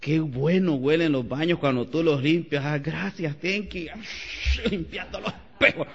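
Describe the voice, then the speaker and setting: A man preaching a Sunday sermon as pastor, animated and climbing to loud exclamations. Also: a little high, unhurried, creaky. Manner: animated preaching, rising to shouts. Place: church sanctuary. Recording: lo-fi church recording with long reverb.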